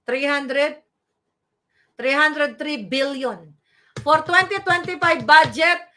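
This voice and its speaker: A woman giving animated, scolding political commentary, mixing in English phrases and asking her viewers for agreement. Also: high-pitched. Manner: animated, scolding, mixes Tagalog with English, asks "di ba?" often.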